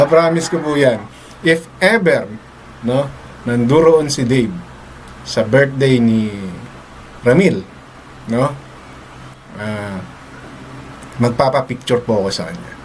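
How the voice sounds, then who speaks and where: A man's voice: fairly high pitch, a little hiss or hum. A man hosting a live stream, talking casually to his viewers, mixing in English phrases, laughing often and ending many lines with a tag question. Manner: chatty, mixes English into Tagalog, laughs often, repeats "no?".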